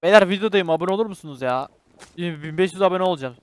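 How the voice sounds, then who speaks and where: A man's voice: high-pitched, fast, loud music behind the voice. A young man commentating his own shooter gameplay, swearing and joking with teammates and pleading with viewers to subscribe. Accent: Turkish. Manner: excitable, swearing, jokey banter with teammates. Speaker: gaming YouTuber.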